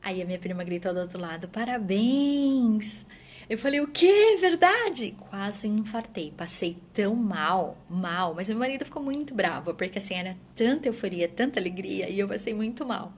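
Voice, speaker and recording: A woman telling her story as a mother in an earnest personal testimony, often tagging her phrases and trailing off softly at their ends. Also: mid-range voice, a little fast, few pauses, a little hiss or hum. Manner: earnest, tag questions, drops softer at phrase ends. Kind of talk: personal testimony answering questions.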